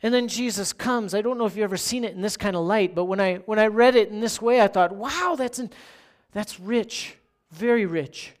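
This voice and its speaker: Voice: medium pitch, moderate pace, hardly any pauses. A pastor giving a sermon in a conversational way, often asking the listeners questions and checking in with "right?".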